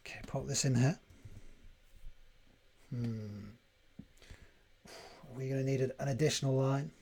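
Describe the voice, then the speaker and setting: A man hosting a live coding tutorial stream, thinking aloud in a deliberate way and chatting to viewers as he works. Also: medium pitch, fairly even intonation, gravelly, darkish tone. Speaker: livestream coding host.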